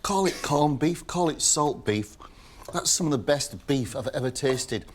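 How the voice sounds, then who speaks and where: A man's voice: medium pitch, lively intonation, measured pace, slight background noise. A middle-aged man hosting a cooking show, enthusing over the food as he makes it. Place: kitchen. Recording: music bed under speech.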